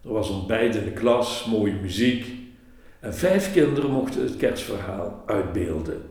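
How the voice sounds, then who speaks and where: A man preaches with a slow, solemn, measured voice of mellow, darker tone. His words hang in the long echo of a very reverberant church hall, as if he stood at the pulpit. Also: on the low side, lively intonation. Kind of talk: sermon and children's story.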